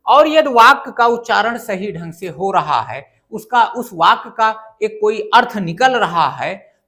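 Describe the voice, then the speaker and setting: A woman's voice: medium pitch, a bit bright. A woman teaching a grammar lesson for exam students, patient and repetitive, often asking the class questions. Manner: patient, repeats key points and asks the class questions.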